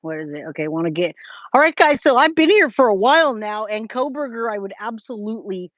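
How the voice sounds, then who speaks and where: Replying to comments on her true crime livestream, this American woman in her forties from California speaks a little high, expressively, and fairly quickly with a bit of brightness. She keeps it informal and emphatic, repeats herself for effect, and calls viewers guys, babe, or my love. The sound has no echo, but the highs are cut off.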